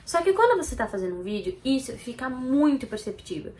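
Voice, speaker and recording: A woman with a Brazilian Portuguese accent, a video editor talking straight to camera and giving lively, expressive tips to viewers. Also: high voice, brisk. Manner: expressive, animated, addresses viewer directly. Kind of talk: direct-to-camera tutorial.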